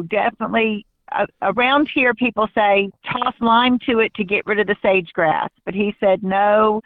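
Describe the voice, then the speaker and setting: A female caller on a thin, dry phone line. She has a mid-pitched voice and talks casually, halting as she goes. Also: no room sound. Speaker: radio show caller, farmer. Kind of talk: casual chat. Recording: dull lo-fi phone call.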